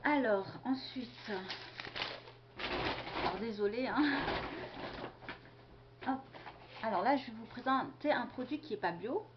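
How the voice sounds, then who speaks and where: Young female vlogger, chatty and halting, muffled lo-fi home recording. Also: on the high side, background noise. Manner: chatty, hesitant, many fillers. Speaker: beauty vlogger. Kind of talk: casual product haul video. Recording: dull lo-fi camera sound.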